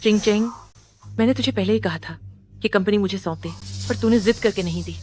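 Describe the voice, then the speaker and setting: A woman's voice: mid-range voice, fairly quick, a little mellow, slight background noise, lightly acted. A woman dubbing a greedy relative who taunts and accuses her family. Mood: taunting. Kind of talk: Hindi dub of a drama.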